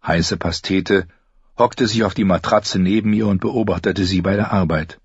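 Husky, low-voiced male narrator. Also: steady tone, moderate pace, dry recording. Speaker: audiobook narrator. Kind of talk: scripted narration. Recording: dry, slightly dull lo-fi recording.

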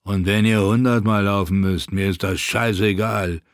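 A man voicing a brutish, dim-witted male slave-soldier sergeant who speaks gruffly, slowly and with contempt, in an audiobook. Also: on the low side, fairly even intonation, no room sound, clean studio sound, close to an everyday voice. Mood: contemptuous.

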